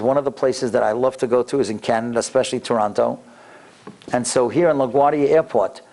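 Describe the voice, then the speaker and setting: A man's voice: medium pitch, creaky, a little mellow. A man giving an anecdotal, inspirational religious lecture as a rabbi, acting out dialogue and repeating words for emphasis.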